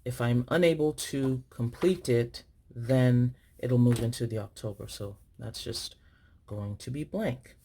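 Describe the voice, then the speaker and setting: With a very deep, warm voice that carries a breathy edge, this woman from Nigeria speaks a little slowly. As a planner vlogger, she fills in her planner while chatting casually to viewers, thinking aloud and self-correcting as she goes.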